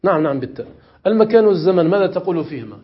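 A man teaching Arabic grammar in a classroom lesson, questioning his students and repeating examples slowly. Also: sits high, lively intonation, lo-fi sound. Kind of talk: classroom lesson explaining morphology.

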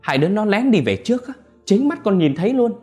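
A man's voice: high-pitched, sing-song, fast, a little mellow, soft background music, pitched above the performer's own voice. A man doing an eager young witness. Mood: insistent.

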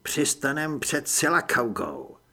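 A man's voice: mid-range voice, very animated, sharp tone, exaggerated voice. A man voicing a terse male team leader giving orders over a radio in an audiobook. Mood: commanding. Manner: curt, commanding.

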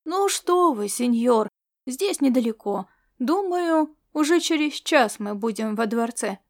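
A woman's voice: fairly high pitch, lively intonation, unhurried, a little mellow. Woman voicing an old male servant, flustered, pleading, storybook reading. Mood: eager.

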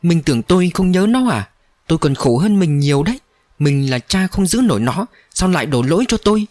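A man's voice: a little high, big pitch swings, brisk, a little mellow, dry recording, studio quality, pitched above the performer's own voice. A man voicing a distraught mother who argues back at her husband while crying, in an audiobook story. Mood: pleading. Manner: crying, pleading.

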